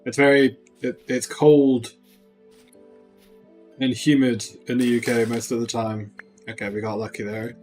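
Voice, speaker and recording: A man's voice: medium pitch, flat delivery, unhurried, long pauses, a little mellow, soft background music. A man giving casual gameplay commentary on a livestream, thinking aloud and joking with his chat. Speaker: streamer.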